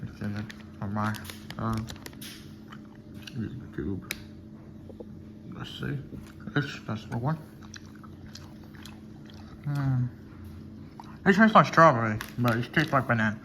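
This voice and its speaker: There is clear noise on this amateur recording of a man with a medium-pitched voice. He chats casually as the host of a tasting video. His remarks come in short, repetitive mutters between bites. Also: slow pace, long pauses. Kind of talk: casual mukbang chat with food reactions.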